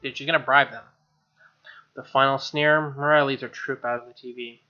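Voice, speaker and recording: A young man plays through a game, reading its narration aloud and commenting in a casual, slangy way, frequently exasperated. His mid-range voice moves at a moderate pace with fairly even intonation, captured on a dull lo-fi mic with game music beneath.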